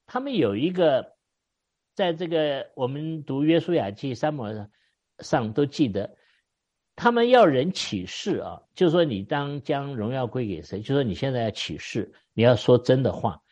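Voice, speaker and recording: A man preaching a sermon, with a husky tone and a lively pitch that rises and falls a lot. He tells the story with exclamations and wry asides. The recording sounds dull and lo-fi. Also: normal speed. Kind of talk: expository sermon.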